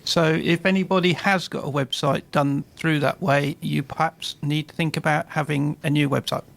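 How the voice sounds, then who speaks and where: Gravelly man with a slight lisp. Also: a little high, fairly even intonation, normal speed. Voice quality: sounds lisped through the mic. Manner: plain, matter-of-fact, uses fillers like "um". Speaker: guest web expert. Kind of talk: explaining tech updates.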